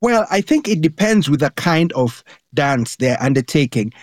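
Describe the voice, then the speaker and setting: A man with a Kenyan accent, speaking as a radio panellist and explaining a science story in a measured way. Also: a little high, sing-song, dry recording, studio quality.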